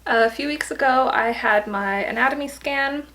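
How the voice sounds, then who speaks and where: A woman's voice: high-pitched, normal speed, bright, forceful tone, low-quality recording. A tired, pregnant young woman giving a casual vlog update, chatty and laughing often. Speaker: vlogger.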